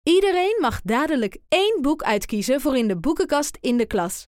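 A woman's voice: high-pitched, lively intonation, normal speed, a little mellow, no echo, clean studio sound, voice pushed up. A woman reading a children's story voices a friendly male schoolteacher who speaks in a kindly, encouraging way.

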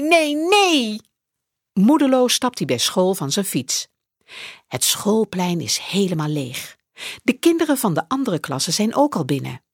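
A woman reading a children's book aloud as an audiobook, in an expressive storytelling manner. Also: fairly low pitch, husky, no room sound, clean studio sound. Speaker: audiobook reader.

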